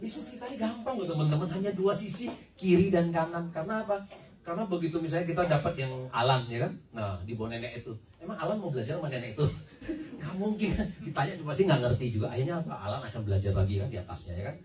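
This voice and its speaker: A man's voice: a little high, fast talker. A man recruiting for a multi-level marketing business, telling stories with acted quotes and frequent laughs. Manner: lively storytelling, acts out quotes, laughs often. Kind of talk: sales pitch to an audience. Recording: echoey room from far off, crowd behind.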